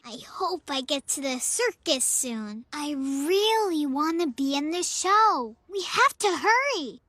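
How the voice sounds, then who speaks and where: A woman's voice: very high-pitched, bright, forceful tone, no room sound, studio quality, full character voice. A woman voicing Ellee, an eager and cheerful young girl elephant in a preschool cartoon, talking straight to the viewer in a sing-song way. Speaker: voice actor.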